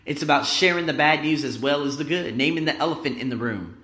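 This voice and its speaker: In a big, echoing room at his workplace, a podcast host speaks straight to his listeners in an emphatic motivational monologue packed with rhetorical questions. His voice is a little high, fast, bright and forceful, and the recording sounds roomy and echoey.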